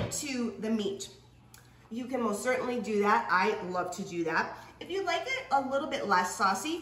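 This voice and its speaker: A woman's voice: medium pitch, bright, forceful tone, slight background noise. A woman hosting a cooking video, gushing with frequent exclamations and laughs as she demonstrates a recipe. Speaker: cooking show host. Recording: echoey room from a distance.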